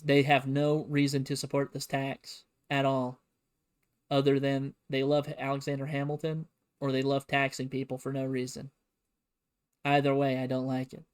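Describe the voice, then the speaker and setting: A man livestreams a casual, comedic history lecture to his audience, full of sarcastic and playful asides. His mid-range voice is clean and monotone, delivered at normal speed.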